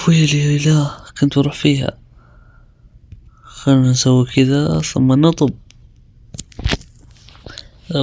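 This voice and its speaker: A man's voice: mid-range voice, creaky, darkish tone, husky, dry recording. Chatty man narrating his gameplay. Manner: chatty, talks himself through moves with quick exclamations. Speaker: gaming video creator. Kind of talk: casual gameplay commentary.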